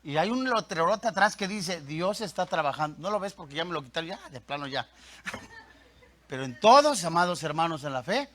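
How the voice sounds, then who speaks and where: A man with a Mexican Spanish accent, a pastor preaching a sermon, swinging between soft asides and loud, emphatic repetition. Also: on the high side, lively intonation, normal speed.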